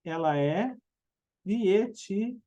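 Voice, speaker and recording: A woman's voice: mid-range voice, lively intonation, slow pace, dark tone. A woman with a Brazilian Portuguese accent teaching an English grammar lesson, patient and explanatory, often checking in with tag questions.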